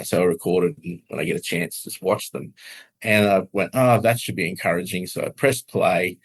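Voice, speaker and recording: A middle-aged man, a podcast guest, telling a personal testimony in an earnest, halting way with many restarts and soft laughs. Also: deep voice.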